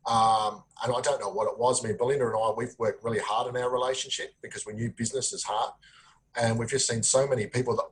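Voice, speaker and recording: A man's voice: medium pitch, fairly even intonation, quick pace, poor audio. A man with an Australian accent, a podcast guest, talking plainly and earnestly with frequent ums. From South Australia. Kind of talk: conversational interview.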